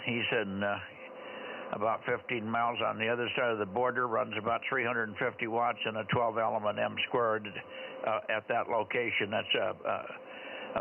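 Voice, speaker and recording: A man's voice: on the low side, vocal fry. A man running an amateur radio net, talking casually as net controller and using radio call-sign phonetics. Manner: spells out call signs in phonetics. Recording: narrowband, very noisy two-way radio audio.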